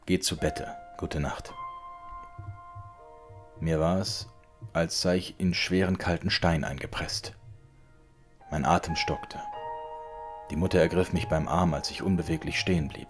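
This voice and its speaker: A man reading a classic tale aloud as an audiobook, in a measured, dramatic way. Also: low-pitched, fairly even intonation, over music. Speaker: audiobook reader. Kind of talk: scripted literary narration.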